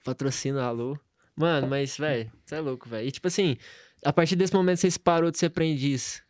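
A man's voice: on the high side, a little fast, dry recording. A man hosting a casual podcast interview, asking laid-back, slangy questions. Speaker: podcast host.

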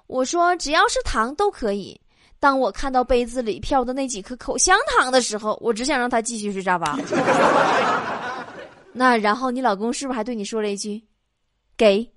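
A woman's voice: a little high, expressive, brisk, fairly bright tone. A woman hosting a comedy show, reading out listener jokes with her own comments, laughing often and acting out the quoted lines. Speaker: host.

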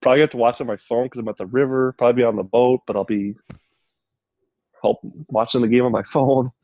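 A man co-hosting a casual sports chat, opinionated and chatty, quick to tease. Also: medium pitch, fairly even intonation, a little mellow, no echo, muffled recording. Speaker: sports podcast co-host.

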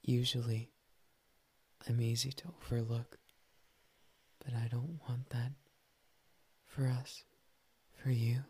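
A man's voice: mid-range voice, little pitch movement, takes it slowly, long pauses, husky. A man voicing a shy, playful young male cat boy in a whispered ASMR roleplay, tender and teasing, slipping "nya" into his talk. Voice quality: soft whispery delivery.

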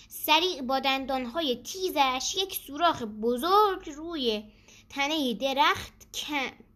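High bright-voiced woman storyteller. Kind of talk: children's story narration.

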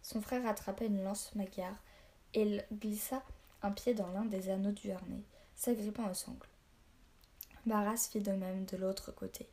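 A woman reads an adventure novel aloud with a mellow, warm tone at a middle pitch. Her delivery is steady and storytelling, with small slips she goes back to correct. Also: unhurried. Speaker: narrator.

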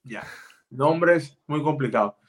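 A man's voice: medium pitch, expressive, slow. A man, a guest basketball player, chatting casually in a loose, slangy, laughing way. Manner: laid-back, slangy, laughing. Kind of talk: casual chat.

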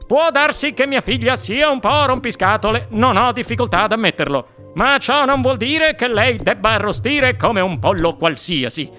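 A woman voicing a blustering, indignant wealthy father who speaks loudly. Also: on the high side, expressive, moderate pace, few pauses, soft background music, voice pushed up.

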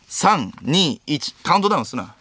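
A man in his twenties with a Kansai accent, hosting a late-night radio show alone, reading listener mail rapid-fire and snapping back sharp comic retorts. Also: a little high, very animated, breathy edge. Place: radio studio. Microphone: studio microphone.

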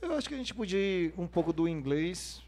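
A man's voice: high voice, very animated, a little fast, a little mellow. A man with a Brazilian accent co-hosting a live music stream in casual, slangy, sweary banter.

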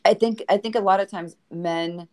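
Speaking at a moderate pace with a medium-pitched voice, this Boston-accented woman appears as a guest author in a podcast conversation. She tells her dating stories lively, performing each character's dialogue herself.

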